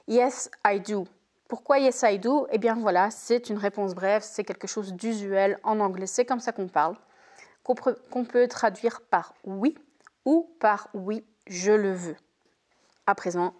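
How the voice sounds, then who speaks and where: A woman's voice: medium pitch, a little slow, darkish tone. A woman teaching English in a recorded lesson, carefully repeating example phrases.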